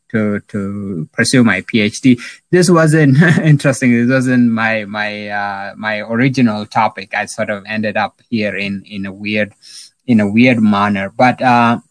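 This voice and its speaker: A middle-aged man from South Sudan, an epidemiologist answering interview questions in a halting way with many fillers and restarts. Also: on the low side, no room sound, low-quality recording. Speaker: epidemiologist guest.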